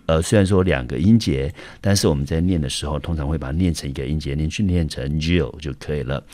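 A man with a Taiwanese Mandarin accent, an English teacher explaining a vocabulary lesson step by step, often starting sentences with a filler. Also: rumbling low. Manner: steady explanatory, frequent "好" fillers.

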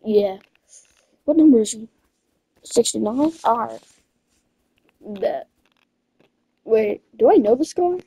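A woman's voice: fairly high pitch, lively intonation, slow, pauses often, mellow, husky, poor audio. A woman in loose, slangy chat while playing a football video game with a friend. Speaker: gamer. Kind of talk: casual gaming chat.

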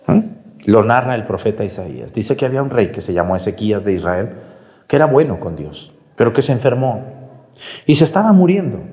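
Priest, homily, chatty and animated, long church reverb. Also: male voice, mid-range voice. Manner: lively, conversational preaching with sudden rises and drops.

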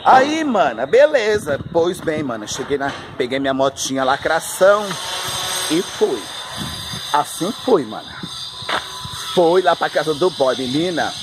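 A man's voice: fairly high pitch, big pitch swings, a little slow. A flamboyant, chatty man telling a story outdoors on a street, recorded on a handheld phone. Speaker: vlogger. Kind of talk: casual storytelling vlog while walking. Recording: street noise behind.

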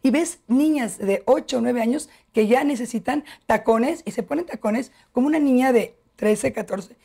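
A woman's voice: on the high side, normal speed, creaky. A middle-aged woman, a family education expert, explaining patiently as a guest on a TV talk show. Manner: warm, didactic, addresses host by name.

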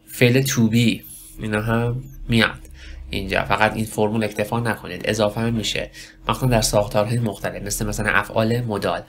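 A man teaching a spoken lesson for test preparation, talking slowly in broken phrases and asking himself questions. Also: fairly low pitch, creaky, slight background noise. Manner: slow, halting delivery with many pauses and self-questions. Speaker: English test prep teacher.

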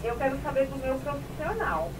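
A woman's voice: high-pitched, animated, a little fast. A Brazilian woman in her fifties, calling in to a radio show over the phone, talking eagerly and earnestly. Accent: Brazilian Portuguese. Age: 50s. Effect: heard over the phone. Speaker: radio call-in listener. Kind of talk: casual call-in chat. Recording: distant noisy phone line.

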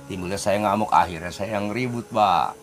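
Animated man telling his story. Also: moderate pace, over music. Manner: animated, pitch jumps up when telling the fight. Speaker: interviewee telling of his past crimes. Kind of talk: casual storytelling.

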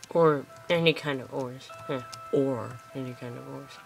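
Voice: mid-range voice, moderate pace, vocal fry, over music, poor audio. A gameplay host chatting casually to viewers while playing, recorded on a phone aimed at a screen at home. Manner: chatty, rambling, talks to viewers. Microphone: phone camera pointed at a screen.

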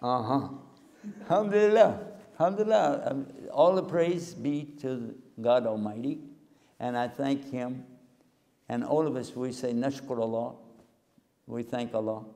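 An older Texan man, an Islamic preacher and TV host, delivers a humorous lecture to a live audience in a large hall, folksy and joking. He speaks into a handheld mic, captured by a far camera, with long hall reverb. His medium-pitched voice is a little slow, with vocal fry and a dark tone.

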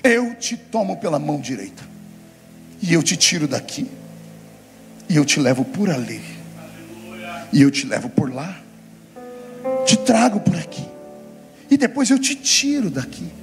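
A wild revival prophet bellows out commands in a high, piercing voice, as a preacher puts him on. He is forceful and commanding. Music plays behind him. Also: big pitch swings, a little slow, long pauses. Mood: solemn. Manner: booming, commanding declarations.

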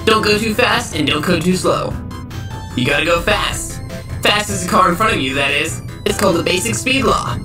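A man's voice: high-pitched, expressive, normal speed. Man voicing perky, cocky Sonic the Hedgehog, roomy sound. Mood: chirpy, instructive. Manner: upbeat, cocky, instructional. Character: perky, cocky young male cartoon hedgehog driving instructor, subtly menacing. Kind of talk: scripted instructional parody in analog horror. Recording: roomy, distant sound under music. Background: music.

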